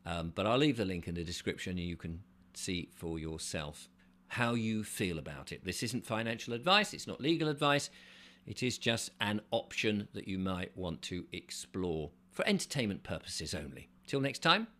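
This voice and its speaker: Lower-voiced man explaining things earnestly. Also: big pitch swings, normal speed, sharp tone. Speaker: channel host. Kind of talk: unscripted solo video monologue.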